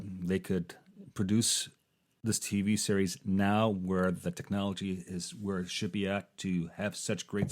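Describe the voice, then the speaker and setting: A man's voice: on the low side, a little mellow. A man hosting a podcast in casual chat, stuttering and restarting his sentences often. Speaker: podcast host.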